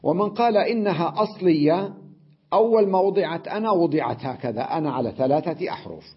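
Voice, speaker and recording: A man teaching an Arabic grammar lesson, explaining step by step, checking with his students and slowly repeating example words. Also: a little high, expressive, slightly rough. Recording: dull lo-fi lecture recording.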